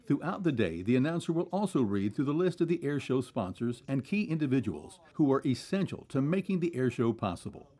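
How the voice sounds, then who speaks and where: Man narrating with lively, varied pitch. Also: a little fast, hardly any pauses. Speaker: documentary narrator. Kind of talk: scripted narration.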